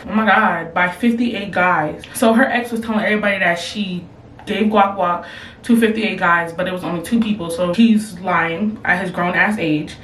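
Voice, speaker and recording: Her voice fairly low and her pace moderate, a young woman gives blunt, slang-heavy advice to her camera at home, later switching to a phone, as she reads submissions with animated reactions. The recording is rough: reverberant, distant, and slightly noisy.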